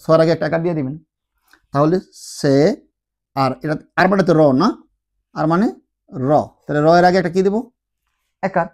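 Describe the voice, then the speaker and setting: A man teaching a tutorial lesson, patiently asking his listeners questions and answering them himself, sounding out syllables slowly one at a time. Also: on the high side. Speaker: language teacher.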